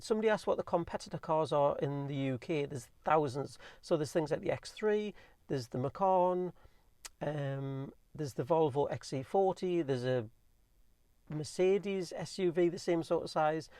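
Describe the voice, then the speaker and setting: A man with a Geordie accent rattling through a casual, rambling Q&A, talking fast with plenty of ums and restarts. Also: fairly high pitch, darkish tone, no echo, clean studio sound. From North East England. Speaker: vlogger reviewing his car. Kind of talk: casual chatty Q&A.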